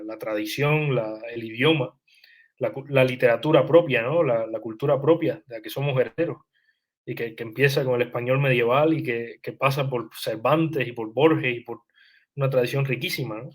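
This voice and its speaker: A man's voice: mid-range voice, moderate pace. A young man, a writer answering interview questions in a thoughtful, hesitant way, with frequent restarts and fillers. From Cuba.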